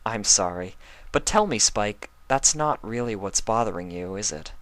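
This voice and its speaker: A man voicing a gentle, regal pony princess with a soft manner. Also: fairly low pitch, lively intonation, normal speed, dry recording, pitched above the performer's own voice. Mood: soothing.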